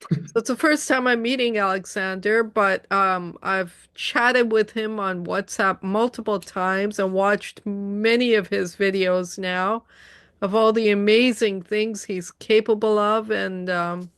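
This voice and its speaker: Host: Canadian woman, mid pitch, dry close sound, relaxed questioning on a video call. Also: unhurried, clean tone, dry recording. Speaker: interview host. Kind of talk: casual interview.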